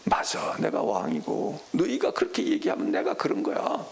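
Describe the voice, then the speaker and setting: A middle-aged male pastor preaching a sermon who acts out biblical voices, switching between loud exclamations and hushed whispers. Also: very high-pitched, huge pitch swings, moderate pace, vocal fry, slight background noise. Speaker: senior pastor. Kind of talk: expository sermon.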